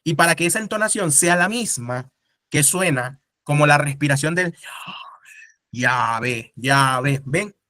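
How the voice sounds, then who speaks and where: Man, teacher, casual classroom lecture, rhetorical questions, fairly high voice, dry close sound. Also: moderate pace, bright, forceful tone, no echo.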